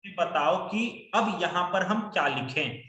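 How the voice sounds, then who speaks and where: A man's voice: high voice, lively intonation, a little slow, sharp tone, echoey room. A man teaching maths in an online class, coaxing his students to call out answers.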